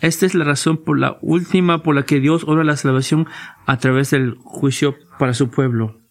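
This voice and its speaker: A male pastor delivers a sermon in a church. He sounds earnest and emphatic, often restarting his phrases and driving his points home with repeated questions. His voice sits a little higher than most men's. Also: steady tone, normal speed.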